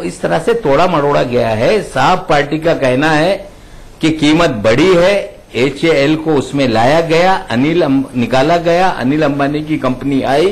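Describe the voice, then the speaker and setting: A man's voice: fairly high pitch, low-quality recording. A man speaking for his party in a televised debate, insistently rebutting the other side. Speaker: party spokesman. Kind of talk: political debate.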